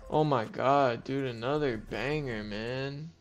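A man's voice: mid-range voice, slow. A man giving casual live slot commentary on a stream, in slangy bro-talk with swearing. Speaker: gambling livestreamer. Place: small indoor room. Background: slot game music.

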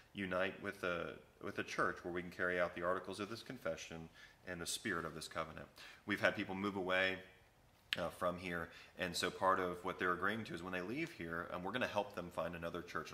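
Sitting low in pitch, a thirties-aged pastor goes through a church covenant with new members, reading each passage and then explaining it in a relaxed way full of fillers. The camera is close, and the setting is an empty church sanctuary with wooden pews.

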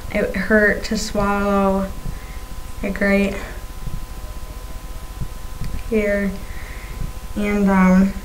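A young woman chatting casually to a webcam, her speech lisping, halting and labored from a swollen new tongue piercing. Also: mid-range voice, poor audio. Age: young adult. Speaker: video blogger. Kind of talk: casual vlog chat. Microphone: webcam at arm's length. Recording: faint-to-clear noise on webcam audio.

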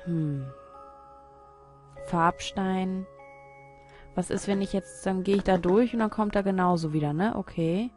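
A woman hosts a let's play and talks her way through the puzzles in a casual way. She mutters half to herself and puzzles out loud, in a medium-pitched voice. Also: unhurried, pauses often, faint music behind. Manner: puzzled muttering, thinking aloud. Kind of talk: casual gameplay commentary.

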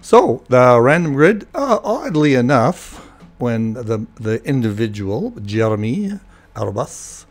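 An older man commentating a racing replay at an everyday mid pitch, his slightly hoarse voice cracking now and then as he clears his throat. He talks loosely and rambles, with plenty of ums and restarts. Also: slow. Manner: relaxed, rambling, many fillers and restarts. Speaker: host of a sim racing replay show. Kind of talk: casual race replay commentary.

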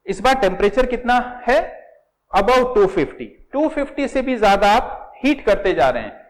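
Middle-aged Indian male teacher, higher-pitched voice, patient step-by-step lecturing, fond "beta" to students. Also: very animated, moderate pace. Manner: explains step by step, asks and answers own questions, calls students "beta". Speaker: chemistry teacher. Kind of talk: classroom lecture in Hindi with English terms.

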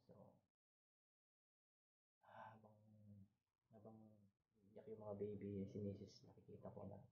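A young man telling a personal story in a halting way, full of fillers and restarts. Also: lowish voice, monotone, vocal fry, a little hiss or hum. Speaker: vlogger, husband recounting a loss. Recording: dull lo-fi sound over guitar music.

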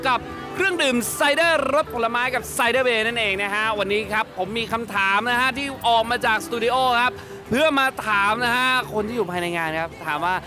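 A man's voice: very high-pitched, expressive, brisk. A young man hosting a playful street vox pop at a night event, teasing and upbeat, speaking into a handheld mic. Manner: teasing, upbeat, polite ending particles. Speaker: street interviewer. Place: busy outdoor city event at night. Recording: outdoor event with loud music and crowd. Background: loud music and crowd.

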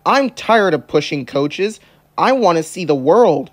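A man's voice: fairly high pitch, expressive, a little slow. Thomas, a man voicing a fretful little tank engine. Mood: restless. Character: young eager boastful male tank engine.

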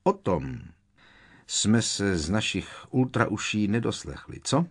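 A man's voice: on the low side, expressive, gravelly, breathy edge, exaggerated voice. A man voicing a cocky, teasing teenage twin boy in an audiobook. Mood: smug. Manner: smug, teasing.

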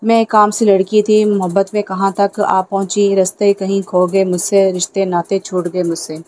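A woman's voice: medium pitch, flat delivery, moderate pace, mellow, close to an everyday voice. A woman reading as a despairing young woman. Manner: despairing inner monologue. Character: anxious young woman, regretful.

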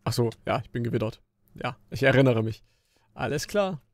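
A man giving casual gameplay commentary as a Let's Play host, chatty and grumbling, with jumpy bursts of excitement during fights. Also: medium pitch, a little fast, no echo, clean studio sound. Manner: chatty, grumbling and joking at the game.

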